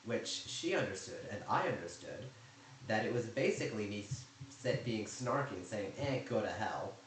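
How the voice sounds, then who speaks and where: Low-voiced man telling a rambling story. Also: expressive, normal speed. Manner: rambling, chatty, with sarcastic asides. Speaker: YouTuber recounting server drama. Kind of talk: casual storytime chat. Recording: very echoey room, faint noise.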